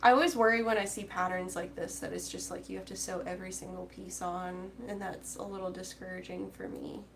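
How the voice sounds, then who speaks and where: A woman's voice: on the low side, flat delivery, fairly quick, vocal fry, slight background noise. A woman chatting casually with live viewers while she crochets, rambling and reading out their comments. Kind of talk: casual crochet-along chat.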